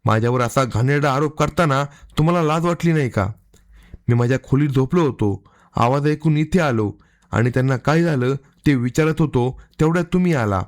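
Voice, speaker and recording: A man's voice: mid-range voice, brisk, lightly acted. A man voicing a nervous young brother-in-law who protests his innocence, in a storybook reading. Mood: indignant.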